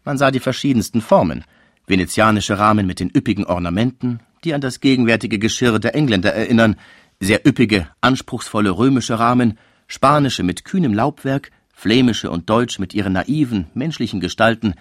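A man reading a classic novel aloud in a measured, expressive narration. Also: fairly low pitch, no echo, studio quality. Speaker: audiobook narrator.

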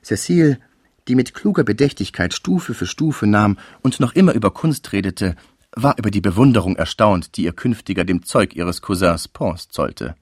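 A man narrates a classic novel with a lower voice and a very animated, rising and falling delivery. The recording is close and completely dry, with no room around him. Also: breathy edge, no room sound. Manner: measured, expressive literary reading. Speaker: audiobook narrator.

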